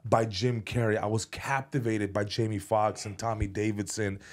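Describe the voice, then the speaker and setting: Speaking at a normal speed with a steady tone, this man's voice sits on the low side. He's an American comedian and music video director appearing as a podcast guest, rambling casually with plenty of restarts, repeated words, and free swearing.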